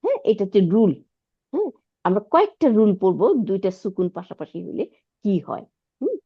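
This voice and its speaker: A woman's voice: medium pitch, very animated, brisk, slightly rough, lo-fi sound. A woman teaching an Arabic lesson online, patiently repeating words and checking that her student follows.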